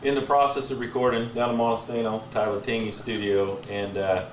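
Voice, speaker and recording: A man who is a musician guest, chatting casually in a low-key way that trails off quietly. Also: little pitch movement, brisk, echoey room, distant mic, a little hiss or hum, poor audio. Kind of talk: casual chat.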